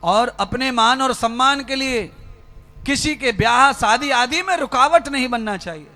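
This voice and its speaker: A man's voice: very high voice, a little slow, pushed and bright, soft background music. A man giving a religious sermon, speaking fervently and rhetorically and addressing his listeners directly. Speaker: spiritual preacher. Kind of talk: Hindi religious discourse.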